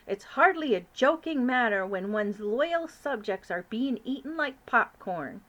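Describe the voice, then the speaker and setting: A man's voice: very high voice, big pitch swings, moderate pace, a bit bright, pitched above the performer's own voice, full character voice. A woman voicing a testy, flustered king with an exasperated manner.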